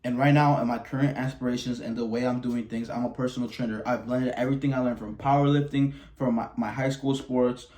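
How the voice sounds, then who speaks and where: Fairly quick and with few pauses, this medium-pitched, darkish male voice keeps a fairly even intonation. It's a Wisconsin vlogger in his early twenties speaking bluntly and candidly to camera in a personal monologue, swearing often and restarting his sentences.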